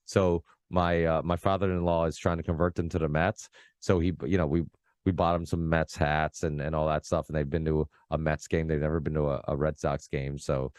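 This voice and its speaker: A man in his thirties from Massachusetts, hosting a podcast in casual chat, rambling and excitable, full of fillers and restarts. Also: a bass voice, no room sound. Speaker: podcast host.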